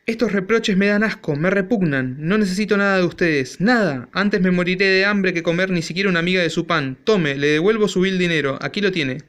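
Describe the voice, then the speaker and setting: A man's voice: high voice, brisk, hardly any pauses, fairly bright tone. A man voicing a hot-tempered young male student who speaks in a raised tenor. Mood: indignado.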